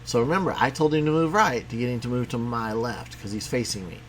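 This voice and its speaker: A man's voice: mid-range voice, quick pace, a little hiss or hum. Man casually walking through a coding lesson. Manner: casual, talks while clicking through software. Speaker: teacher. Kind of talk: screen-recorded coding tutorial.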